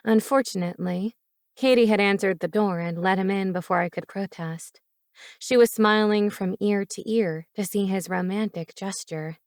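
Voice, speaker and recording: A woman giving first-person romance audiobook narration in an even, measured way. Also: mid-range voice, no echo, studio quality.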